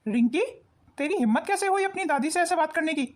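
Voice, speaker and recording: A woman voicing a hot-tempered, abusive young husband in an animated cartoon, harsh and bullying. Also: high-pitched, fast talker. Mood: angry.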